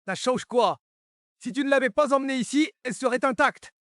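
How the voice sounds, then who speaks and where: A man's voice: extremely high pitch, a little fast, no room sound, studio quality. A man voicing a harsh, contemptuous young executive in a French melodrama dub.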